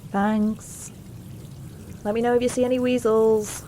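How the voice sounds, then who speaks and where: An actress playing a tired young woman, a housemate asking for quiet, heard from further off. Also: a little high, little pitch movement, unhurried, a little hiss or hum, close to an everyday voice. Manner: weary, curt, heard from another room. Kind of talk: audio drama.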